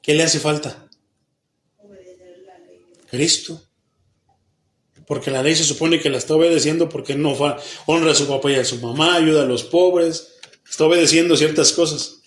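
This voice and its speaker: A Mexican pastor leads a Bible study in a church hall where his fairly high voice rings off the walls, his Mexican Spanish accent plainly audible. Rapid questions go out to the congregation, and he answers each himself, playing the people he quotes and even slipping into mock babbling.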